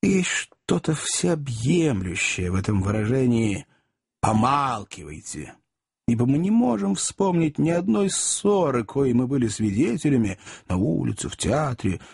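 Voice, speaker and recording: A man reading a classic novel aloud as an audiobook narrator, measured and ironic. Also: mid-range voice, creaky, mellow, slightly rough, dry recording, clean studio sound.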